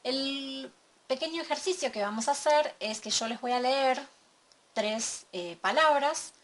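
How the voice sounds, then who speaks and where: A woman teaching a recorded lesson from slides, explaining step by step and checking in with a quick question. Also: high voice, a bit bright. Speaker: English teacher.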